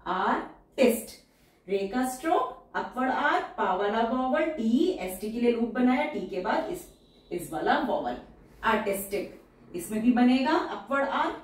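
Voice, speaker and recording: A woman teaching shorthand, explaining each outline step by step and repeating every word slowly and carefully. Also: a little high, lively intonation, distant mic. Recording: very echoey room, voice from off the mic.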